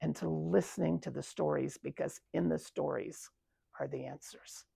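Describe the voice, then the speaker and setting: A woman in her seventies with a gravelly, husky voice talks through her working life at a retirement community. She is reflective and pauses often on ums and restarts. The sound is close and dry. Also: deep voice, steady tone, dark tone, no room sound. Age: 70s. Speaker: interviewee. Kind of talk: recounting her career.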